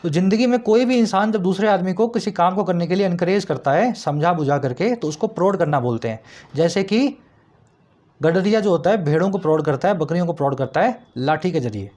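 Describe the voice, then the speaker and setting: Male English tutor, higher pitch, patient explainer who checks understanding. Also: animated, darkish tone. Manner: explanatory, asks students rhetorical checks, reads example sentences slowly. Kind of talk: vocabulary lesson explaining words.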